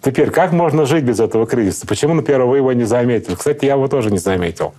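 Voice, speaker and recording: A middle-aged man, a psychotherapist, calmly explaining in an interview in a lecturing manner. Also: mid-range voice, racing. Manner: calm, lecturing, acts out example speakers. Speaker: psychotherapist guest.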